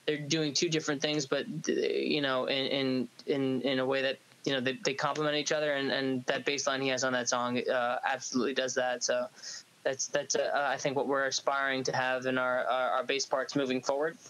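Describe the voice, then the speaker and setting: On a podcast, a New York man who sings in a band talks loosely, restarting often and quick to laugh, his light, high singing voice described as feminine. His delivery is flat, a little fast and a bit bright, over a low-quality recording with slight hiss or hum.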